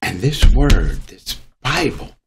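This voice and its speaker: A man's voice: mid-range voice, sing-song, slow, creaky, background noise. A man, a guest preacher, telling his testimony in an emphatic, dramatic preaching manner. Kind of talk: testimony storytelling.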